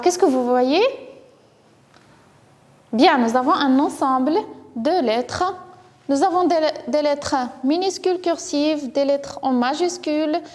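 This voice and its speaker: A woman's voice: high-pitched, darkish tone, in a large hall. A woman with a Moroccan accent teaching a first-grade French phonics lesson, patiently repeating words syllable by syllable and praising the children. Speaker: primary school teacher.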